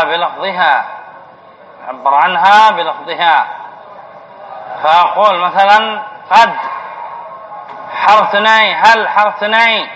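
High-voiced sheikh teaching grammar. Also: male voice, pushed and bright. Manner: asks the class questions and answers them himself. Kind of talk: classroom grammar lesson. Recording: dull lo-fi lecture recording with faint hiss.

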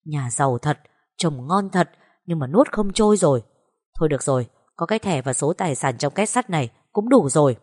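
A woman's voice: low-pitched, expressive, brisk, a little mellow. A woman voicing a cold, scheming young mother who speaks curtly with false sweetness. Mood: muttering. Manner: curt, falsely sweet coaxing.

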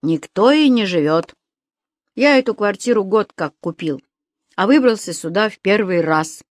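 A kindly old man, as a woman reader puts him on, talking in a calm, soothing way with a slightly lecturing tone. His voice stays close to the reader's own middle pitch. The recording is dry and close. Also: moderate pace, no room sound, natural voice.

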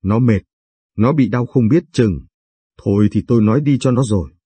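A man narrating a late-night storybook reading in a measured, confessional way. His voice sits low and sounds husky and mellow. The recording is close and dry, with no room sound. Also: no echo. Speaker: story reader, channel host.

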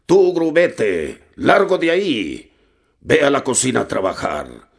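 A man's voice: low voice, lively intonation, measured pace, vocal fry, a little mellow, husky, full character voice. A man voicing a stern adult male ship's captain who speaks curtly and formally in a storybook reading. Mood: commanding. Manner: curt, commanding.

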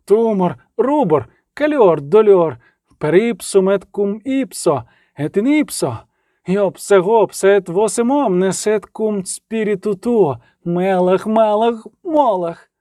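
A man performs a desperate young scholar bellowing a bogus exorcism, his voice leaping high and swinging wildly from word to word in a booming storybook chant. It sounds dry and close. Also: lively intonation, takes it slowly, dark tone, no echo. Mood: howling chant. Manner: howling, booming incantation.

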